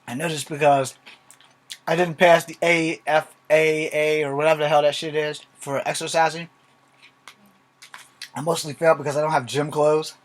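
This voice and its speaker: A man's voice: fairly high pitch, little pitch movement, normal speed, long pauses. A man talking casually in a rambling vlog, blunt and informal, swearing freely as he gives martial arts advice. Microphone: filming from a laptop.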